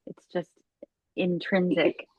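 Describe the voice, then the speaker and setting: A woman's voice: fairly low pitch, level tone, slow pace, no room sound. A woman hosting an interview in a conversational way, responding to her guest and leading into questions. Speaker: podcast host, interviewer. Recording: dull, dry lo-fi sound.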